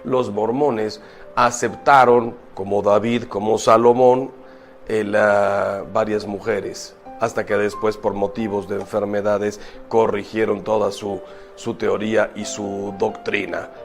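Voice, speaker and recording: A priest preaching, emphatic and full of rhetorical questions, moving from loud exclamations to quiet asides. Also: male voice, fairly low pitch, flat delivery, slow pace, soft background music. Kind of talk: preaching talk.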